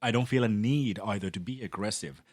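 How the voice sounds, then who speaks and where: Guy on a podcast, lowish voice, earnest, dry close mic. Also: brisk, darkish tone, dry recording. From Finland. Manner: earnest, thoughtful, with many restarts. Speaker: guest, local election candidate. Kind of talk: casual podcast chat.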